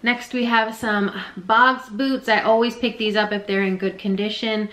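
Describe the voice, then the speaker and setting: A woman's voice: mid-range voice, steady tone, normal speed, fairly bright tone, slight background noise, low-quality recording. A young woman chatting casually through a resale haul vlog, rambling and self-deprecating. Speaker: reseller vlogger.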